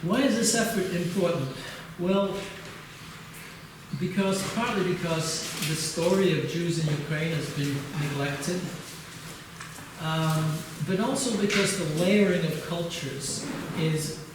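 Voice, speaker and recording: A man's voice: a little high, slow. An older man from England giving an academic conference lecture, hesitant, with many uhs and restarts. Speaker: keynote lecturer. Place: conference hall. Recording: distant mic, echoey hall, noise.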